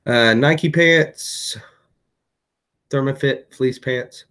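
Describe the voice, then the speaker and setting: In a smooth, sharp-toned voice of medium pitch, a man speaks very slowly on his casual reselling vlog. It's late, he's tired and hiccuping, and his chat about sold eBay items is full of fillers and self-corrections.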